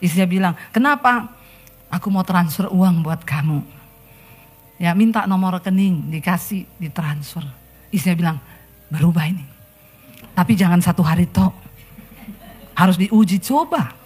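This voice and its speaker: A woman's voice: on the low side, moderate pace, pauses often, breathy edge. A middle-aged woman pastor preaching a sermon, telling stories and acting out the quotes. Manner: lively storytelling sermon, acts out quotes.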